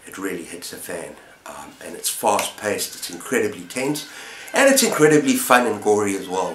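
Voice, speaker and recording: This middle-aged man hosts a book-review vlog, talking casually in a fairly bright voice on the low side. The recording, made in a bookshelf-lined room, sounds roomy and echoey, with a little hiss or hum.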